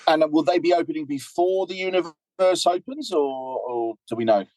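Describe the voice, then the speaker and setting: A man's voice: fairly high pitch, animated, moderate pace, darkish tone, no room sound, rough recording. A man co-hosting a podcast, teasing his partner in casual banter. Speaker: podcast co-host. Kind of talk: casual chat.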